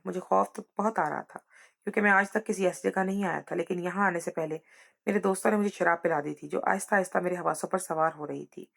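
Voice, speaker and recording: Woman, storyteller, scripted narration, measured, low pitch, gravelly.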